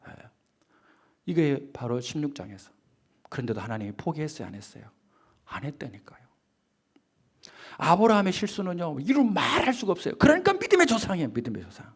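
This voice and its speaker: A male pastor preaching a sermon in a slightly high voice that leaps up and down with lively intonation. He builds to loud emphatic peaks and then drops to a hushed whisper, throwing rhetorical questions at the congregation. Now and then he acts out the voices of the people in his examples. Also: quick pace, slightly rough. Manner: acts out quoted voices of children and believers.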